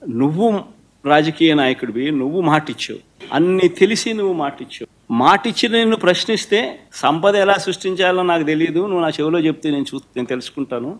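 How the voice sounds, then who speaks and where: A man making a political speech in an accusing tone, mocking his opponent. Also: on the high side. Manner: sarcastic, accusing.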